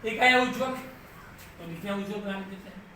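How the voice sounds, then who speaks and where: A bright-voiced male teacher leads a live online class. He goes patiently step by step and keeps asking whether everyone has understood. His voice sounds distant in a very echoey room with faint noise behind it. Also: high voice, normal speed. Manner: patient, repeats steps, keeps checking students follow.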